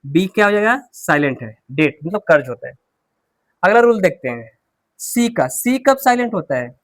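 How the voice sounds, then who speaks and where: A man's voice: high-pitched, very animated, moderate pace, fairly bright tone, no echo. Man teaching who quizzes and answers himself. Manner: asks the class questions and answers them himself, repeating key words. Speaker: English teacher. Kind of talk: classroom lesson, explaining at a board.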